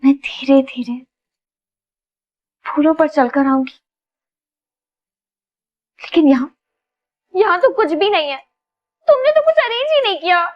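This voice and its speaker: An actress playing a pouting young bride in a TV drama, complaining in a whiny voice with a Pakistani Urdu accent. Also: female voice, extremely high pitch, animated, moderate pace, long pauses, lo-fi sound. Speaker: new bride. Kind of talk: TV drama acting.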